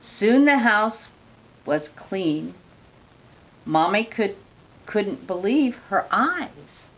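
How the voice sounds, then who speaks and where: An older woman reading a children's picture book aloud, speaking gently and adding friendly asides to the listener. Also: mid-range voice, animated, very slow, poor audio. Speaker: storyteller.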